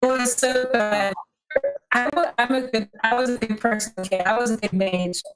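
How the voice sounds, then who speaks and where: A woman's voice: a little high, fairly even intonation, moderate pace, rough recording. A South African woman chatting casually and self-mockingly about a tabletop campaign. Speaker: podcast guest. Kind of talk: casual chat. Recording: music playing behind.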